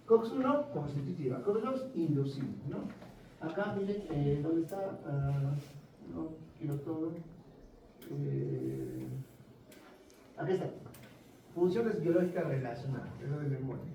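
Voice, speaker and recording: A man gives a classroom lecture and keeps putting quick questions to his students. His voice sits a little high but sounds mellow. The room is echoey, the mic is set some way off, and a faint hiss runs underneath. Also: far from the mic. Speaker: pharmacology lecturer.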